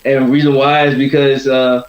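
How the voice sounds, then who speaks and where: A man's voice: mid-range voice, little pitch movement, normal speed. A man chatting casually as a boxer in an interview, rambling and often tagging on "you know". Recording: roomy, dull lo-fi sound.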